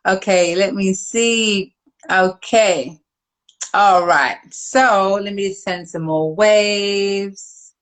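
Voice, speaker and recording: British woman, live-stream host, chatty, mid-pitched, on a video call. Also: drawn-out words, rough recording. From United Kingdom. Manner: chatty, laughs often, thinks aloud while reading comments. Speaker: host of a live online show. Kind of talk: casual live-stream chat.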